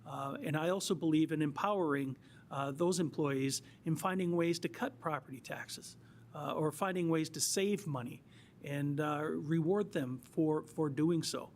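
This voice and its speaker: A man's voice: on the high side, moderate pace, slight background noise. A man running for office, answering a forum question hesitantly with many fillers. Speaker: mayoral candidate. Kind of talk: debate answer.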